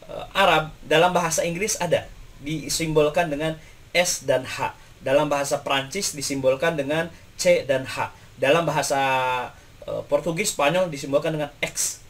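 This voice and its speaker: A man with a slightly higher than average voice teaches pronunciation in a patient, explanatory way. He stops often to demonstrate each sound, repeating short syllables slowly and clearly. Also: a bit bright. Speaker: Quran recitation teacher. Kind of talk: explanatory lesson with spoken demonstrations.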